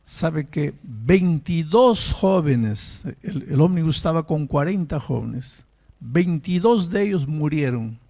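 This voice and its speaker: Gravelly preacher telling a story. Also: male voice, a little high, expressive, slow pace, dark tone. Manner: dramatic storyteller, acts out quoted voices, rising to emotional peaks. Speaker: pastor. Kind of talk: sermon storytelling.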